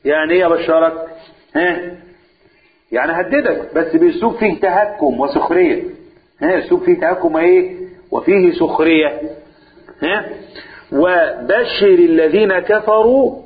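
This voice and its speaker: A man with an Egyptian accent teaching a religious lesson, quizzing listeners with quick rhetorical questions and reciting scripture slowly. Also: a little high. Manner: switches between colloquial talk and slow recitation. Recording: tinny phone-like audio.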